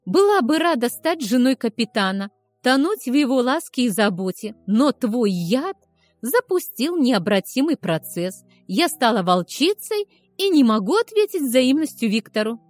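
Woman reading a fierce young werewolf heroine, sharp and biting. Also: mid-range voice, very animated, normal speed, no echo, faint music behind. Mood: furious. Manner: fierce, biting, growled retorts.

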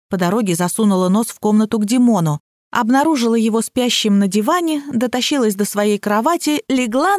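A woman's voice: fairly high pitch, a little mellow, no echo. A woman narrating a comic novel in the first person, with a wry, ironic delivery. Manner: wry, dry ironic storytelling. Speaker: audiobook narrator.

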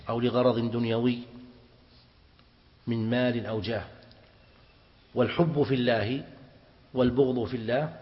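A man teaching a classical religious text to students, explaining it slowly and quizzing them as he goes. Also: medium pitch. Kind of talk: mosque lesson explaining hadith. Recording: dull reverberant hall recording.

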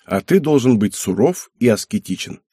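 A male narrator voices an irritable aristocratic wife who snaps and grumbles. The voice is husky, sits a little higher than a plain male reading voice, and is recorded close and dry like a storybook reading. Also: very animated, normal speed, dark tone, dry recording. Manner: snappy, irritable.

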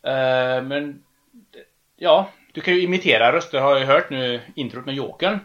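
A man's voice: mid-range voice, a bit bright. A man hosting a casual podcast, asking loose, hesitant questions. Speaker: podcast host. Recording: dull, lo-fi podcast audio.

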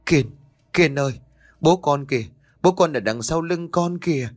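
A man's voice: on the low side, animated, moderate pace. Man doing a shaky, scared old mother. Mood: frantic. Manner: trembling, stammering. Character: frightened elderly mother, shaky and anxious.

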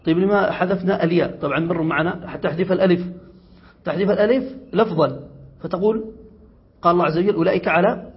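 In a classroom or study circle, an Arabic grammar teacher reads a passage, then explains it slowly, putting questions to his students. His voice is high and husky. The recording sounds dull and lo-fi.

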